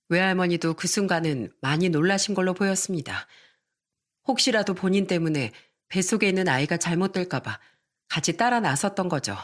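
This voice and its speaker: A woman telling a first-person story in scripted, confiding narration. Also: fairly low pitch.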